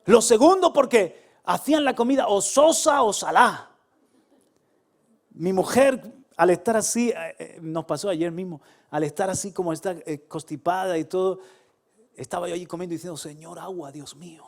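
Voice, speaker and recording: A middle-aged pastor from Spain delivers a sermon in a fairly high voice with a Spain Spanish accent. He is animated, jumping from loud calls to quiet asides and chuckling through his own stories. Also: normal speed.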